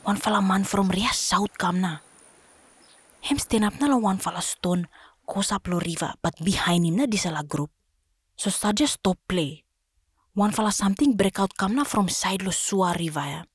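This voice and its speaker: Solomon Islands woman telling a story, slightly husky. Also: mid-range voice, normal speed, dry recording.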